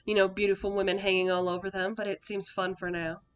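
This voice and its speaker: Calm woman game master, muffled mic. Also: mid-range voice, fast talker, clear, resonant tone. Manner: calm, guiding, descriptive narration. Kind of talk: running a tabletop game.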